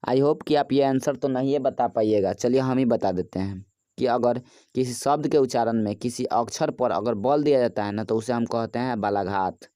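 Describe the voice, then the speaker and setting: A man's voice: mid-range voice, moderate pace, mellow, no room sound, clean studio sound. A man, a teacher talking through a quiz lesson in a casual, chatty way and asking viewers for likes.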